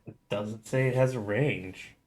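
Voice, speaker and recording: A man's voice: fairly low pitch, unhurried, darkish tone. A man taking part as a player in a tabletop game, talking casually with lots of fillers.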